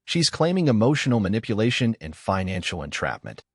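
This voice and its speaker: A man voicing a businesslike female lawyer who speaks flatly and matter-of-factly. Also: on the low side, brisk, no room sound, studio quality. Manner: flat, matter-of-fact.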